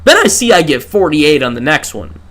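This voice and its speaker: This slightly high, somewhat bright male voice swings widely in pitch at a normal speed. He's a tired game streamer ranting live into a desk microphone, working through his thoughts with rhetorical questions and frequent restarts.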